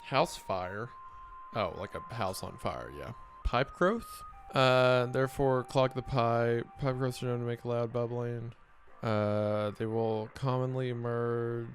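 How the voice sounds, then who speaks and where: A man's voice: medium pitch, slow pace, faint music behind. A man doing casual let's-play commentary, muttering reactions and reading game text aloud. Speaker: gaming video host.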